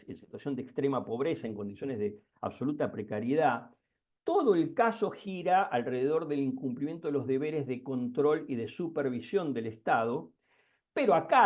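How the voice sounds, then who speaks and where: Hesitant male lecturer, dull audio. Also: a little high. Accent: Argentine Spanish. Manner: hesitant, many fillers and restarts. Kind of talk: academic lecture. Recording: dull lo-fi sound.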